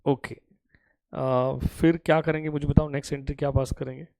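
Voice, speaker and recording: Brisk Indian man teaching accounts. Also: fairly high pitch, steady tone, darkish tone, dry recording, low-quality recording. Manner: teasing, repeats questions and urges quick answers; mixes Hindi with English accounting terms. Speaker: commerce teacher. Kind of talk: live online accounting lecture.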